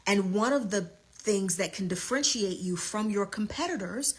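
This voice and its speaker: A woman's voice: medium pitch, expressive, normal speed, slightly rough. A woman teaching a live online business lesson as a coach, emphatic and repeating her key points.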